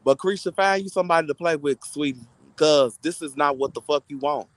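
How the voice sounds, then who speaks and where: A man's voice: fairly high pitch, fairly quick, a bit bright, no echo, poor audio. A content creator, a man, delivering a heated, insulting, mocking rant to his online audience.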